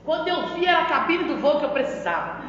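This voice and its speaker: Brazilian woman missionary sharing her testimony, high voice, long church reverb, dull sound. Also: big pitch swings, fast, a bit bright. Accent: Brazilian Portuguese. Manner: emphatic, addresses the pastor often. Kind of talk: testimony preaching. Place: church hall.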